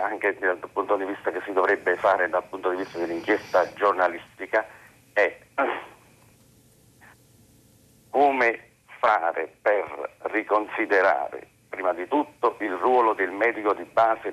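A man from Naples phoning in to a radio talk show, asking a long question in a formal, hesitant way with many pauses and fillers. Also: sits low, a bit bright, rough recording. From Naples, Italy. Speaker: radio phone-in caller.

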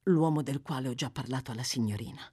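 Scared young street girl, low hushed voice, urgent and bitter, as a lady reader puts her on. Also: quick pace, husky. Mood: tense. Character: frightened young woman of the London streets.

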